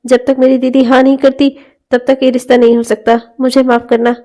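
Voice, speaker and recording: An earnest, devoted young man from a cartoon family drama, voiced by a woman. He speaks slowly and gently, with a high but mellow tone that stays soft. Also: flat delivery, lightly acted.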